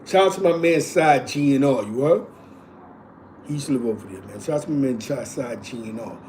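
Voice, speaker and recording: Neighborhood stories come from a New York-accented host in his forties, born in East Harlem, who circles back on himself and fills gaps with "you know what I'm saying." The casual streetwise telling is brisk, in a medium-pitched, darkish voice with a little hiss or hum.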